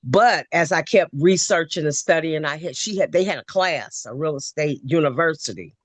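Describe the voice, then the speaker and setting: A woman's voice: low-pitched, normal speed, no echo. A woman from Ohio joining a video call, talking at length in a loose, filler-heavy way. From Ohio, USA. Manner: talkative, loose storytelling with many fillers. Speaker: webinar participant. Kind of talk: casual conversation.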